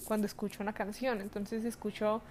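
A woman chatting casually, calm and reflective in manner. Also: medium pitch, a little fast, a little hiss or hum. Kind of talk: casual chat.

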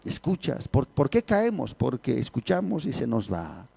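A male pastor preaching a sermon, repeating words and swinging between raised emphatic lines and low quiet ones. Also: huge pitch swings, a little slow, vocal fry, breathy edge, no room sound.

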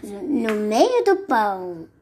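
Woman doing a slow, hungry storybook monster. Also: huge pitch swings, darkish tone, slight background noise, heavily acted. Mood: menacing. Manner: slow, drawn-out, lower. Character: big hungry forest monster, male.

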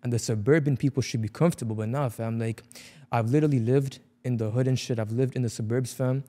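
A young man speaks in a mellow, relaxed voice with a Toronto street accent. He chats casually at middling pitch, leaning on slang and repetition to press his point. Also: fast talker. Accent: Toronto urban slang accent. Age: young adult. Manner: slang-heavy, emphatic repetition. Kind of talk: casual chat.

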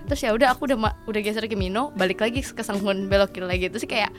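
A woman in casual chat, telling a story in a lively way, acting out the lines she quotes and laughing often. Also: medium pitch, very fast, over music.

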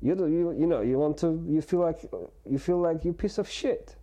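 Guest in his 40s, mellow voice, halting and candid, lots of restarts. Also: fairly high pitch. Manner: halting, full of restarts and fillers; earnest and open. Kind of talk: candid personal conversation.

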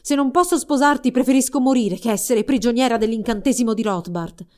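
A woman voicing a gentle, sorrowful young enchanted princess in a storybook reading. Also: a little high, fairly quick, voice pushed up, close to an everyday voice. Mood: heartfelt.

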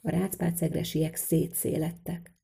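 A woman's voice: low-pitched, little pitch movement, vocal fry, warm tone, slightly rough. A woman reading a folk tale aloud in a vivid, rhythmic storytelling manner.

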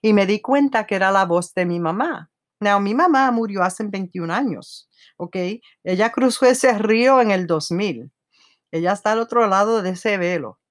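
A woman's voice: medium pitch, moderate pace. A woman hosting a podcast with a New York Spanglish accent, chatting casually, laughing often and slipping into English. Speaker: podcast host.

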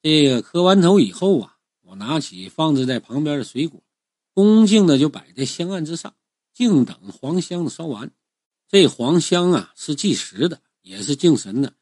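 A man telling a first-person story in a conversational, animated way, drawing out the ends of his phrases. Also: fairly high pitch, dry recording, clean studio sound.

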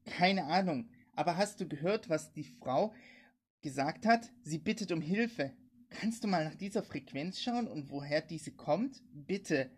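A woman voicing an agitated male radio operator who urgently seeks help for a stranger, speaking in a low, husky voice. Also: expressive, normal speed, a little mellow. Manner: agitated and insistent.

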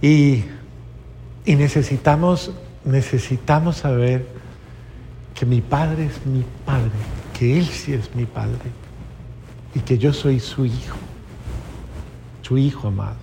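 Male priest, earnest and emotional sermon, gravelly tone, heard with a long echo. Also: medium pitch, fairly even intonation, slow pace, pauses often, mellow. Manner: earnest, emotional, repeats phrases for emphasis. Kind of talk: sermon with a personal story. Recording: long reverb, faint background noise.

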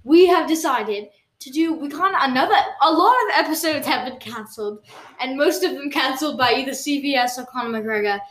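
A woman co-hosts an improvised comedy podcast, giggling playfully as she spins absurd tall tales. Her voice is high and fairly bright, and she talks briskly.

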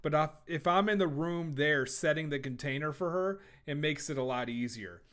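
A man's voice: on the high side, moderate pace, fairly bright tone. A young adult man hosting a casual solo podcast, talking in a rambling, jokey way with lots of swearing, fillers and restarts. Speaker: podcast host.

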